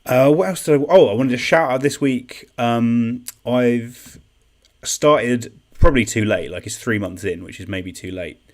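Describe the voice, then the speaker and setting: A man's voice: medium pitch, unhurried, darkish tone. A young man hosting an online quiz in a chatty, self-deprecating way, reading out comments and repeating each question. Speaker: quiz host. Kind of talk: casual live-stream quiz hosting.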